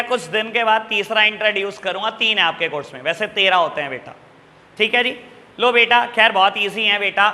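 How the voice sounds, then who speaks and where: A male accounts teacher lectures his class in a high-pitched, sharp voice with a long reverb tail. He speaks to his students affectionately, calling them "beta" again and again and asking "clear?" to make sure they've understood.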